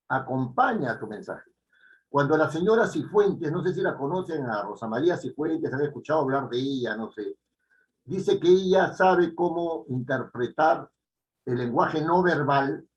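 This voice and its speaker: A man giving a classroom lecture, repeating key phrases and checking in with the students with quick tag questions. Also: fairly high pitch, highs cut off. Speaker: teacher.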